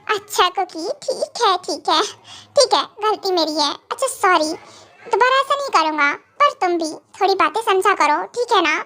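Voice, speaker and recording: A woman's voice: very high-pitched, animated, normal speed, bright, forceful tone, heavily acted. A woman voicing a stern, possessive young husband in a fan audio drama, scolding and then coaxing.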